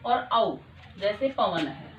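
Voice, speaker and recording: A woman's voice: medium pitch, big pitch swings, slow. A young woman teaching a grammar lesson, patiently repeating each point and checking that her students follow. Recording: echoey room, dull lo-fi sound, faint noise.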